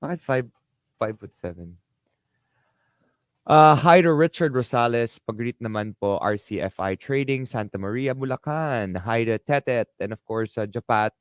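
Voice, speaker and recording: A man's voice: mid-range voice, moderate pace, hardly any pauses, smooth, dry recording, studio quality. A Filipino man hosting a morning radio show, joking in a mix of English and Tagalog. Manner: playful, mixes English and Tagalog, sings along. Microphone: studio mic.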